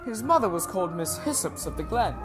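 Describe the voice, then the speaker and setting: A woman reading aloud and voicing a calm, courtly male earl who speaks smoothly and deferentially. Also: lowish voice, a little fast, music in the background, voice pushed down.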